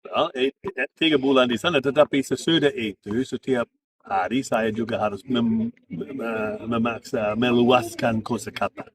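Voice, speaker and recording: A middle-aged man, an English speaker, speaks Indonesian as a foreigner in a casual interview, halting as he searches for words. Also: medium pitch. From Australia. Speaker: interview guest, former diplomat and interpreter. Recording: distant mic amid clear crowd chatter.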